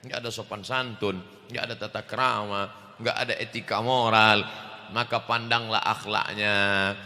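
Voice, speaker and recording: A man preaching a loud, joking sermon to a large congregation, acting out little scenes. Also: steady tone, a little slow. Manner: loud, booming delivery. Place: large mosque. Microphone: handheld stage microphone. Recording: echoey mosque hall.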